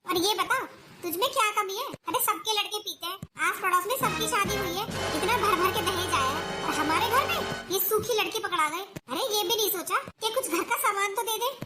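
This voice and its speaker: A woman's voice: very high-pitched, brisk, over music. Woman playing a greedy, nagging mother-in-law. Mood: scornful. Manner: scolding, nagging. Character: greedy scheming middle-aged mother-in-law, sharp-tongued. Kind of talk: home-made family skit acting. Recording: noisy home recording.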